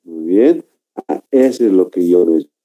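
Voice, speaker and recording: A man teaching a grammar class, speaking slowly and repetitively, often tagging sentences with a questioning "no?" and addressing the students as gentlemen. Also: sits low, animated. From Bolivia. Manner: slow, repetitive, keeps asking "¿no?" and addressing "señores". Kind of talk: classroom lecture. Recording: dull lo-fi recording.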